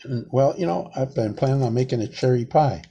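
With a dark, husky, medium-pitched voice and lively intonation, a man in his sixties talks fairly quickly while peeling shrimp in his home kitchen. This cooking vlogger rambles casually through the demonstration and says "man" a lot, captured by a camera close on a table.

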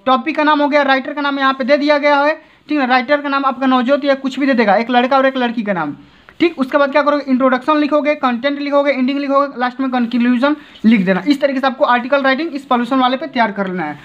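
High-pitched male tutor, coaxing desk-side lesson, muffled phone sound. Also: steady tone, fast talker. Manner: coaxing, keeps repeating check-in tags. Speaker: exam-prep teacher. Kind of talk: tutorial explaining to students. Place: desk seen from above, indoors. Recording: dull lo-fi phone recording.

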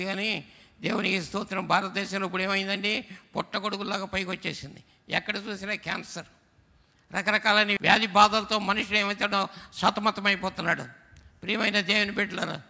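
High-pitched gravelly preaching pastor man. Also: sharp tone. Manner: preaching with call-and-response to the congregation. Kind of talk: sermon. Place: church sanctuary. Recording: church hall with long reverb.

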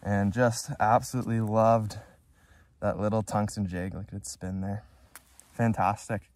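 A man's voice: fairly low pitch, flat delivery, measured pace, a little mellow, no echo. Young man fishing outdoors, easygoing. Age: young adult. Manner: easygoing, enthusiastic, explains as he fishes. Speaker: fishing vlogger. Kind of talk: casual on-camera commentary. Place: outdoors on a frozen lake. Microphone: camera on the ice nearby.

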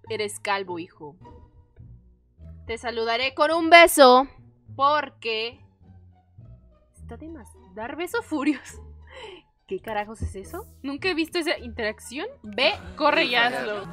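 Lively, bright-voiced woman gamer. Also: on the high side, slow, pauses often, faint music behind. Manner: animated, dramatic, jokey, playful outbursts. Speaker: gaming youtuber. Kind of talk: casual let's-play commentary.

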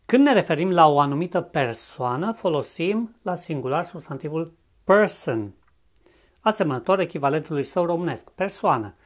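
A teacher from Romania giving a scripted grammar lesson, explaining clearly and methodically and repeating each English example slowly with its translation. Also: mid-range voice, expressive.

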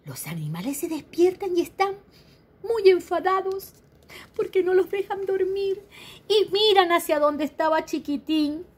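Lively woman reading a children's story. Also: very high-pitched, a little slow. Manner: lively, asks the young listeners questions. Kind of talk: reading a picture book aloud to children.

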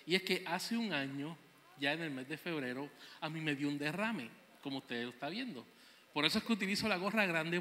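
A man doing a stand-up comedy routine, with animated, self-mocking storytelling. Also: on the high side, big-room sound.

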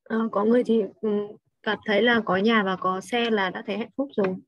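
A woman's voice: mid-range voice, steady tone, fairly quick, no room sound, dull audio. Hesitant woman student, dry sound. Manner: hesitant, with fillers. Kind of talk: answering in class.

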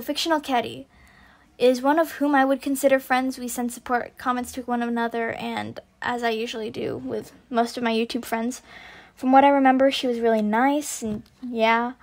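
A woman with a raspy voice giving casual, loosely scripted video commentary in a hesitant, rambling, self-correcting way. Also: on the high side, darkish tone. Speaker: video creator and narrator.

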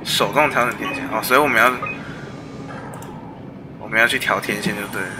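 A man with a Taiwanese Mandarin accent giving casual let's-play commentary, muttering to himself and haltingly reading text aloud. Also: on the low side, steady tone, noisy background. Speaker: game streamer. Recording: game music behind the voice. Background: video game music and sounds.

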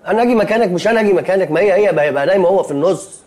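A man's voice: a little high, racing, a little mellow, natural voice. An actor playing a nervous, quarrelsome young man in a TV sitcom, speaking with an Egyptian Arabic accent. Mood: jittery. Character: jumpy, suspicious young man sharing a hotel room. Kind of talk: TV sitcom acting.

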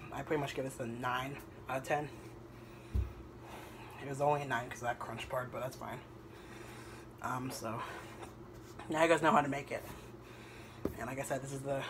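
A young man talking casually in a home kitchen vlog, rambling with many pauses and ums. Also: medium pitch, noisy background. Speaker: vlogger. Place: home kitchen at night, indoors. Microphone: camera on the counter.

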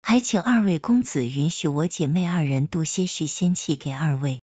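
A woman reading a story aloud, voicing a gentle, courteous celestial maiden who speaks softly and formally. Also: deep voice, moderate pace, no echo. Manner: soft-spoken, formal.

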